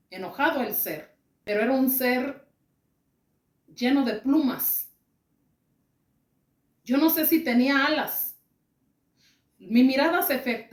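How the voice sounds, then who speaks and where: Slow, high-voiced woman recounting a vision. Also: reverberant. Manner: slow, repetitive, pausing phrase by phrase.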